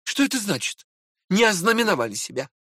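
A man's voice: high voice, brisk, slightly rough, no echo, clean studio sound, pitched above the performer's own voice, heavily acted. A man voicing an indignant touchy young man. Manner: excited, indignant pleading. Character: proud touchy young man, hot-tempered.

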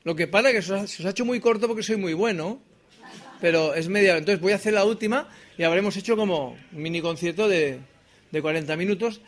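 A middle-aged singer-songwriter and comedian with a Spain Spanish accent does comic stage banter between songs at a live show. His voice sits high and moves quickly, rambling and self-deprecating, often using tag questions to check in with the audience. Acoustic guitar is heard in the background.

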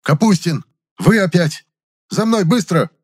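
A man reading an audiobook, voicing a stern, irritable male supervisor who scolds and shouts. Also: sits high, expressive, measured pace, husky, pitched above the performer's own voice, exaggerated voice. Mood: scolding. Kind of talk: audiobook character voice.

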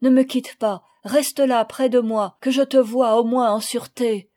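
A woman's voice: on the high side, steady tone, a little slow, a little mellow, lightly acted. A woman reading aloud voices a kind shipwrecked father, sorrowful and pleading. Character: grieving shipwrecked French father, kind and gentle.

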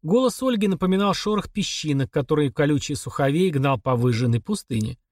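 A man narrates an audiobook in an even, measured way. His voice sits a little high for a man, and the recording is dry and close, with no room sound. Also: no echo. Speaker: audiobook reader. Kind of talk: scripted narration.

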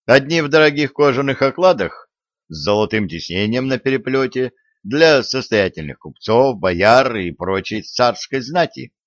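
A man voicing an eager young man who pitches his plans in a brisk, raised voice. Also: expressive, no echo, natural voice. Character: eager young man, bold schemer, upbeat. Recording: dry, dull lo-fi audio.

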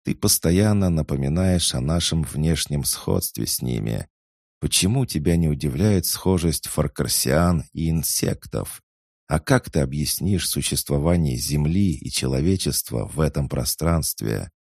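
A man's voice: a bass voice, animated, measured pace, vocal fry, a little mellow, dry recording, clean studio sound, full character voice. A man voicing a wary male warrior in an audiobook, asking curt, suspicious questions. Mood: probing. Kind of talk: audiobook character reading.

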